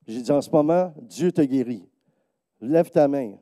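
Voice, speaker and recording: Speaking a little slowly, a man gives a sermon testimony in church with a Quebec French accent and no echo. He brings his stories to life by acting out the characters, raising his voice to quote them.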